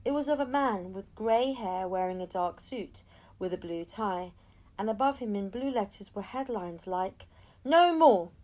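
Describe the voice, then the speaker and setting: Here an audiobook narrator, a woman with a mid-range, darkish voice, reads a children's story at normal speed. She brings expression to it, acting out each bit of dialogue amid the narration.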